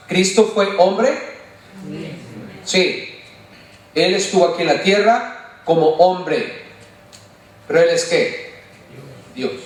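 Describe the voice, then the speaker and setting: A man preaching as a pastor, animated, often asking the congregation questions and joking. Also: fairly high pitch. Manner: playful, jokes and mimics voices. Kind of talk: sermon. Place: church sanctuary. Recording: echoey church from far off.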